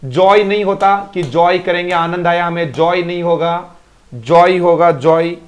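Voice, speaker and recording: Even-toned man drilling pronunciation. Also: high-pitched, moderate pace. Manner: drills pronunciation by repeating words; praises students by name. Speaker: English teacher. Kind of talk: live online class.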